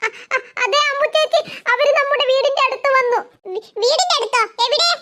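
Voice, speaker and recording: Very high woman's cartoon voice. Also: bright, forceful tone. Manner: childlike, with stammers and quick exchanges. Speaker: cartoon voice artist. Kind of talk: cartoon voice acting.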